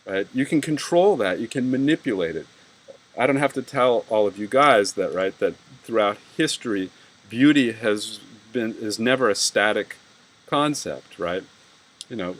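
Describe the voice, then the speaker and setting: A man's voice: fairly low pitch, rough recording. A man giving a university lecture, rambling and peppering his talk with "right?" and "you know".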